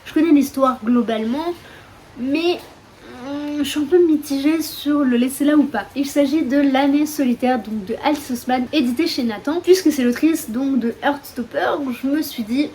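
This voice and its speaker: A woman's voice: sits high, moderate pace, dark tone. A young woman with a French accent chatting casually about books at home, with many fillers and self-mocking asides. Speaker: book vlogger. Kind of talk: casual chat. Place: room at home with open windows, storm outside. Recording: faint wind and rain noise. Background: wind and rain.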